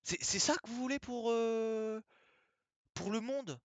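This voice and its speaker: A man's voice: very high-pitched, slow, dry recording. A man talking in a casual monologue, emphatic and repetitive, firing off rhetorical questions.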